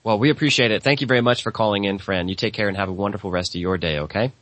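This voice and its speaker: A man's voice: on the low side, racing, fairly bright tone, dry recording. A man hosting a call-in talk show in a casual, agreeable, folksy and effusive way.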